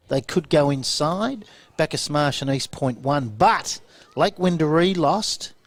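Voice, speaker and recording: Brisk Australian male football commentator, higher voice. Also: no echo. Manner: brisk and chatty, rattling off results and numbers. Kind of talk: post-match commentary chat.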